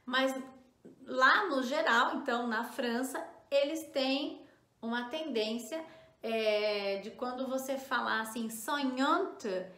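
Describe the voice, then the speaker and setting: High, bright Brazilian woman teaching. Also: roomy sound. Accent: Brazilian Portuguese. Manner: slow, drawn-out repetition of words for practice; frequent tag questions to the viewer. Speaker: French teacher. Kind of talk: language lesson.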